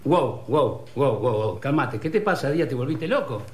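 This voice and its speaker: An actor playing a worried husband trying to calm a colleague in a film scene. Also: male voice, medium pitch, normal speed, close to an everyday voice. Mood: tense. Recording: echoey film audio.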